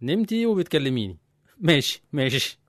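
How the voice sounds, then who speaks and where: A man's voice: on the high side, big pitch swings, a little fast, a bit bright, no echo, studio quality. A man with an Egyptian Arabic accent acting a teasing, caring young husband in an audio drama. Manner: joking, then soothing.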